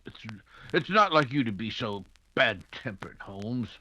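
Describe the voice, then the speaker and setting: A man's voice: mid-range voice, very animated, a little slow, pushed and bright, heavily acted. A man playing an anxious, fussing doctor and loyal sidekick in an old-time radio detective drama, with a stammering, flustered delivery. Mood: concerned, fussing.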